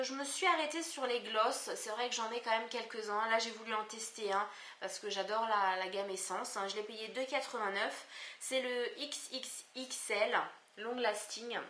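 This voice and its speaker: A woman's voice: a little high, fairly bright tone. A woman with a Southern French accent chatting through a beauty haul video, hesitant and full of fillers and restarts, recorded on a camcorder microphone at home. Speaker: beauty vlogger. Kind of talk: casual haul video chat. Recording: echoey room on camcorder mic.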